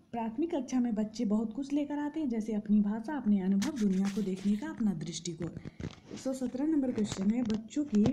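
A woman tutor works steadily through exam questions, reading each option in order before explaining the answer. Her voice sits a little high but sounds mellow and warm. Faint noise hums under the recording.

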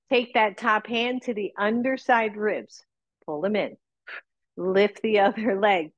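A woman teaching a live yoga class, calling out cues and counts with encouraging, breathy exhales. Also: a little high, no room sound, lo-fi sound.

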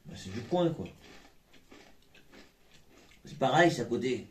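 A man's voice: mid-range voice, expressive, unhurried. A man, chatting casually as he munches crunchy chips. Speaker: vlog co-host tasting snacks. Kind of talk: casual chat. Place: small hotel room, indoors. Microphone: phone camera a couple of metres away. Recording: echoey room, noisy phone recording.

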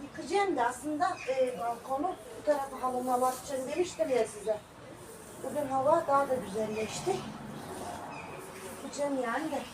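A woman's voice: sits high, moderate pace. A woman vlogger chatting casually in a running commentary on household chores at home. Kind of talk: casual household vlog chat. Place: home balcony. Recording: echoey, noisy, distant microphone.

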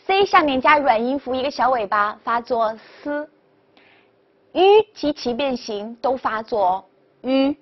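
A woman teaching French pronunciation in a video lesson, upbeat and quick to praise, repeating each model word. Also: sits high, lively intonation. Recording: dull lo-fi recording.

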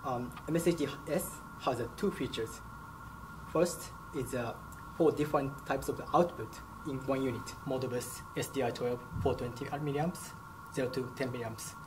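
A man's voice: mid-range voice, moderate pace. A young man whose first language is Japanese, answering interview questions in a lab with brief, careful phrasing. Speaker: product specialist. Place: company lab, indoors. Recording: lab background noise.

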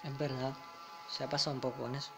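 A man's voice: medium pitch, flat delivery, fast, over music. A young man with a Spain Spanish accent commenting casually over a game, chuckling and reading the dialogue aloud. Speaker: gamer. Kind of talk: let's play commentary.

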